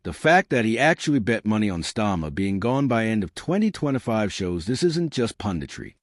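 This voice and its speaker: A man with a low voice narrates scripted political commentary, swinging his pitch widely for drama. He sounds emphatic and scornful, and the recording is close and dry with no room sound. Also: very animated, moderate pace, dry recording.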